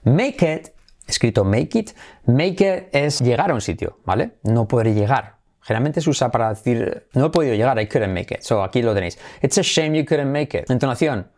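A man from Spain with a Spanish accent, hosting a casual English lesson and repeating English phrases slowly to model their pronunciation. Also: mid-range voice, expressive, a little mellow. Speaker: English teacher and channel host.

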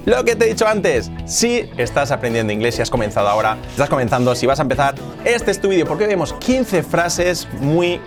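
A man whose first language is Spanish teaches English, his pitch moving up and down as he explains. He drills the example phrases slowly, again and again. Faint music plays in the background. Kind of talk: online language lesson.

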